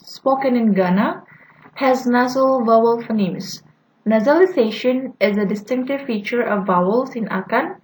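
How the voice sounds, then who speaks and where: Halting young woman giving a class talk. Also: fairly high pitch, low-quality recording. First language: Indonesian. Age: young adult. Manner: halting, with frequent "uh" fillers and restarts. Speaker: student presenter. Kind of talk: class presentation on phonetics.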